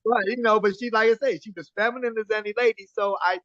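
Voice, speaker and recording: An older man, a guest in casual chat, reflecting on raising daughters in halting, restarted phrases. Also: sits high, steady tone, a bit bright, dry recording, dull audio.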